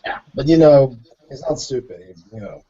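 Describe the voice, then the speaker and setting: Dude playing a tabletop rpg, says you know a lot, muffled lo-fi chat audio. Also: male voice, mid-range voice, lively intonation, moderate pace, dark tone, slightly rough. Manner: casual, fills with "you know". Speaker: player.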